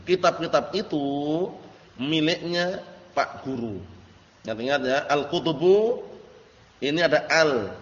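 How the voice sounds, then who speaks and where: A man teaching an Arabic grammar lesson in a classroom, patiently checking that his students understand. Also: a little high. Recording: echoey lo-fi classroom recording.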